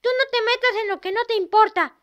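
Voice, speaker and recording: A woman voicing a bright, shrill, taunting cartoon bully. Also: fast, lo-fi sound. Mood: menacing, taunting. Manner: taunting, mocking threats. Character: Sid, a menacing boastful cartoon bully. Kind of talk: amateur cartoon dubbing.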